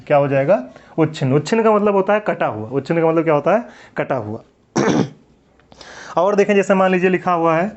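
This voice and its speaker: In a dull-sounding, lo-fi recording, a male teacher lectures a class on Hindi grammar in a voice pitched a bit above most. He poses questions only to answer them himself, stretching out the words each time he repeats them.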